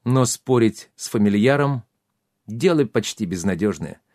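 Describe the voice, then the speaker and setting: A man giving steady, measured scripted narration of a fantasy audiobook. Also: on the low side, no room sound, studio quality.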